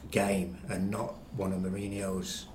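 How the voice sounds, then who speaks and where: This podcast guest, a middle-aged chief reporter with a West Midlands accent from Walsall, trades easygoing football banter with wry confidence. His low voice stays flat and measured, and the recording has an echoey room with faint noise behind it.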